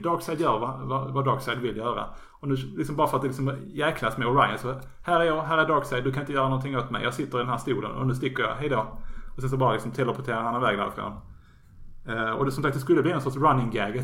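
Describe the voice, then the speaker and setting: A man's voice: mid-range voice, a bit bright. A man in casual podcast chat, his sentences full of fillers, stops and restarts as he feels his way forward. His voice sits in a middling range and carries a roomy echo from the space around him. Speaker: podcast host. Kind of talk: casual podcast talk about comics.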